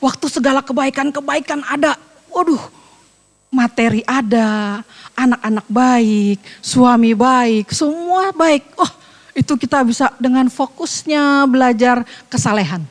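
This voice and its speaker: A woman pastor preaching a sermon in a lively, joking, colloquial way. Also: high-pitched, unhurried, big-room sound.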